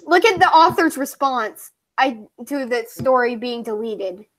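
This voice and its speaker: A woman streaming casual chat and reading creepy stories aloud, playful and interrupting, dropping soft for spooky lines. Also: on the high side, animated, unhurried, poor audio.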